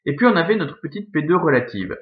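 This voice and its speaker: Self-correcting teacher, muffled. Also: male voice, on the high side, sing-song, fast. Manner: explains step by step with many fillers and self-corrections. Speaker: Latin teacher. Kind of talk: recorded classroom lesson.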